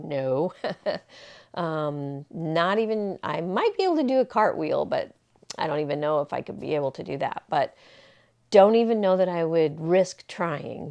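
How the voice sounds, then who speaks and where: Speaking personally to the camera, this sixty-something vlogger wanders and reflects, often restarting and filling pauses. She has a low, slightly mellow voice with vocal fry.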